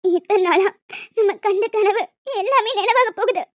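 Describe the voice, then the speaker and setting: A woman voicing an emotional young wife in a cartoon story, high and childlike, breaking into sobs. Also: normal speed, dry recording. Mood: tearful joy. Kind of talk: cartoon voice acting. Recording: dull lo-fi audio with faint music.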